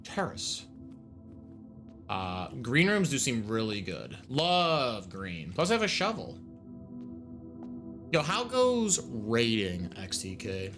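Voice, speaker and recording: A man's voice: mid-range voice, very animated, slow pace, a bit bright, faint music behind. A man doing casual, jokey gaming commentary as a let's play host, full of slang.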